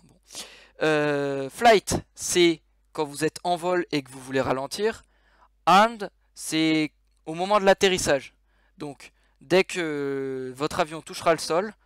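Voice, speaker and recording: A man's voice: on the high side, fairly bright tone, smooth, no room sound, studio quality. A man giving a casual game tutorial over his screen, explaining controls with many fillers and restarts.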